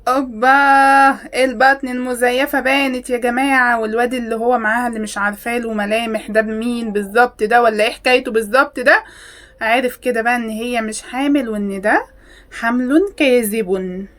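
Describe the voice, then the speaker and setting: A woman with an Egyptian accent, reacting to videos with sarcastic, exasperated questions. She swings between loud outbursts and hushed mutters. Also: a little high, fairly even intonation, quick pace. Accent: Egyptian Arabic.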